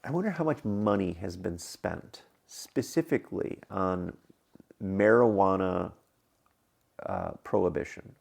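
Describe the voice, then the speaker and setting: Gravelly-voiced man in casual podcast chat. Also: deep voice, unhurried. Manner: rambling, hedging with fillers, animated when ranting. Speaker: podcast co-host.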